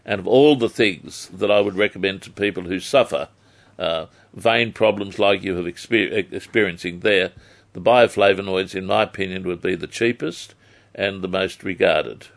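An Australian man giving health advice on a live phone-in, measured and formally worded. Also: sits low, creaky. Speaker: health advice expert on radio.

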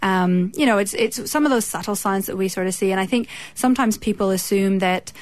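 A woman from Canada with a Canadian accent, a veterinarian explaining dog behaviour in a relaxed way on a radio interview. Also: mid-range voice, a little fast, no room sound.

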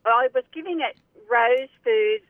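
A woman's voice: fairly high pitch, measured pace, no echo. An Australian woman calling in by phone, chatting casually. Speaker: caller. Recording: thin narrowband telephone line.

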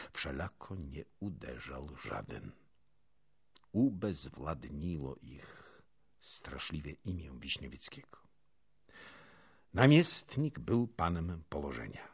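A man narrating an audiobook with a dramatic, expressive delivery. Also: a bass voice, slow, vocal fry, husky, no room sound. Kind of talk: audiobook reading of a historical novel.

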